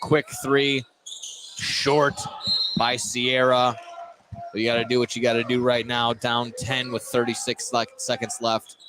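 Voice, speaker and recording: This play-by-play announcer calls a basketball game live from a loud indoor gym, keeping it informal and occasionally tripping over words before fixing them. He speaks at medium pitch with a level tone and a measured pace.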